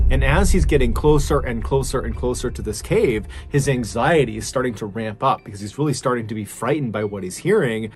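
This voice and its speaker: A man tells a scary story at a steady middle pitch, piling on suspense. His narration is dramatic and keeps the tension climbing. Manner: suspenseful, builds tension with repetition.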